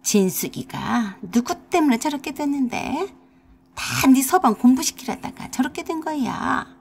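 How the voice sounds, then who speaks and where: Woman voicing a shrill nagging old mother-in-law. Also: sing-song, moderate pace, creaky, darkish tone, husky, full character voice. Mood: demanding. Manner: shrill nagging with rural dialect words. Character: scolding older mother-in-law, domineering and self-pitying. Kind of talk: radio drama acting.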